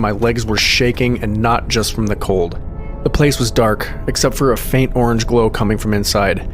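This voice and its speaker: A man reading a scripted horror story in a measured, suspenseful storytelling manner. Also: medium pitch. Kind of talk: scripted scary story narration. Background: music under the voice.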